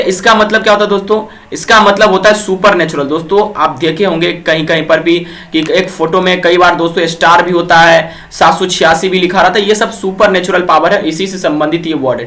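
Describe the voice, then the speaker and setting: A young man from Bihar, India, with a high-pitched, fairly bright voice teaches English vocabulary for an exam. He keeps putting quiz questions to his viewers, repeating them and answering them himself, and tags each point with a quick check-in, filling gaps with "ठीक है".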